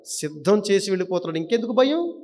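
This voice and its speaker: A man preaching an impassioned sermon, firing rhetorical questions and swinging between loud appeals and low asides. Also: very animated, fast. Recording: long reverb of a hall.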